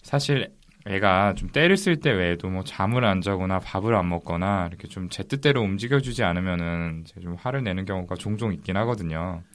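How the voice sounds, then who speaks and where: A man's voice: deep voice, expressive, fairly quick. A man and father co-hosting a podcast, self-deprecating and laughing as he talks. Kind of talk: casual podcast chat.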